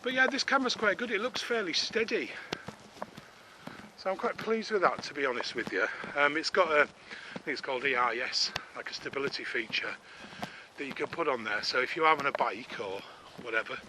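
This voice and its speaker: His voice on the high side and a little fast, a middle-aged man narrates a casual walking vlog outdoors in the woods. He rambles, chats, and runs himself down while slightly winded, with outdoor noise and clicking on his camera-mounted mic.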